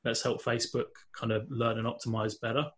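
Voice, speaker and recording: Casual interview talk comes from this podcast guest, an Englishman with a London accent. His medium-pitched voice is flat and a little fast, and he fills it with fillers and restarts.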